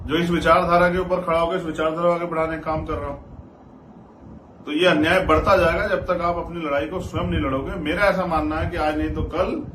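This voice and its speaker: A man's voice: on the high side, fairly bright tone. A man giving an earnest, exhortative political address to his followers as an activist leader, repeating phrases for emphasis. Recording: roomy, distant mic, noisy background.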